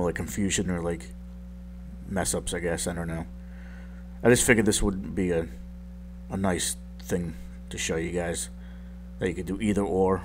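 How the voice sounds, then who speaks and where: A tech tutorial YouTuber walks through a software tutorial in a very low, groggy voice, having just woken up with a deep morning voice. He talks casually and rambles, filling it with ums and poking fun at his own mistakes, while a faint hum runs under the recording.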